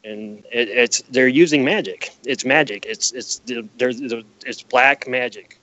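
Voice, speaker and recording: Pushed and bright, this mid-range male voice keeps a measured pace. Appearing on a podcast, he lays out conspiracy-minded explanations with emphasis, asking rhetorical questions and repeating key phrases. The sound is dull and lo-fi.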